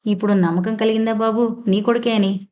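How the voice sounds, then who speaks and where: A woman voicing a calm elderly father. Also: medium pitch, fairly quick, close to an everyday voice. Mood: gentle. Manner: calm, gentle.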